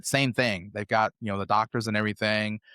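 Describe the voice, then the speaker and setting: Low-voiced American man telling travel stories. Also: fairly even intonation, a little fast, sharp tone, clear, resonant tone, dry recording, studio quality. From United States. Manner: rambling, conversational, loosely strung anecdotes. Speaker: podcast guest. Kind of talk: casual interview storytelling.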